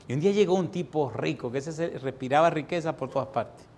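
A man in his sixties preaching a sermon, telling a personal story in an animated way and lifting his voice for repeated refrains. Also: fairly high pitch, brisk, a little hiss or hum. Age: 60s.

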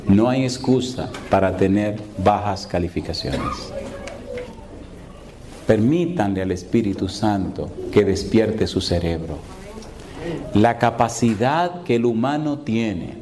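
A man preaching a sermon, telling humorous personal stories and acting out the dialogue, then slowing into emphatic exhortation. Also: lowish voice. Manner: animated storyteller who acts out dialogue, then slows to emphatic preaching.

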